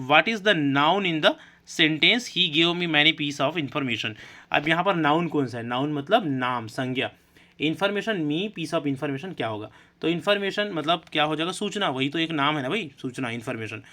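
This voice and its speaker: Male grammar tutor, bright and slightly high, reads questions slowly, explains in a conversational, checking-in manner. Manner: reads English questions slowly, then explains in Hindi with frequent "है ना" and "ठीक है". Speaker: English grammar teacher. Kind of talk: exam-prep lesson explaining multiple-choice questions.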